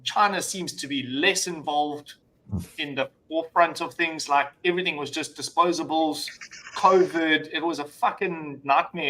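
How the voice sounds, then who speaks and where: A man who runs a brand, chatting casually on a panel in an animated, sweary way. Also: fairly high pitch, a little hiss or hum, low-quality recording. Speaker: vape brand owner.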